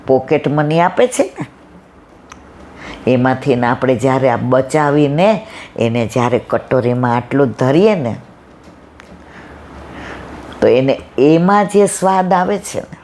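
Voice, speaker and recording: A middle-aged woman telling a devotional story at a satsang, acting out the dialogue with lively expression. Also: extremely low pitch. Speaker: satsang speaker.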